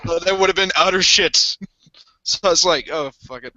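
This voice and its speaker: A man's voice: sits high, level tone, moderate pace, pushed and bright, dry recording, lo-fi sound. A man joking and laughing in a casual group call, swearing offhandedly.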